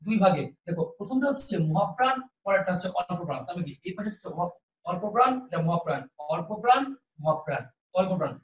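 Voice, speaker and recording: A man's voice: high-pitched, big pitch swings, fast talker, echoey room, highs cut off. A man teaching an online admission-prep class, quizzing students and repeating the answers.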